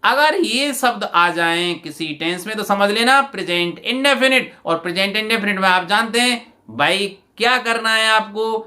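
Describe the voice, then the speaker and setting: A man teaching a grammar lesson for an exam paper, explaining step by step with many rhetorical questions and reading example sentences slowly and deliberately. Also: high voice, bright, forceful tone. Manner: addresses students as "bhai". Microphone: voice-over while writing on a tablet.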